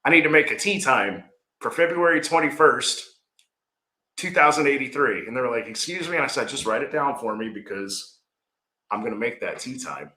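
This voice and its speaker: He's a landscaping business owner from Georgia, in his 40s, appearing as a guest in a casual podcast conversation. His medium-pitched voice is expressive and sharp at a moderate pace, captured in roomy, poor-quality sound, and he rambles earnestly with lots of "right?"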